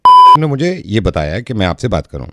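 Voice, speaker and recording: A radio jockey making a prank phone call from a studio, feigning confusion and repeating himself, then ranting loudly. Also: male voice, medium pitch, huge pitch swings, fairly quick, heavy background noise.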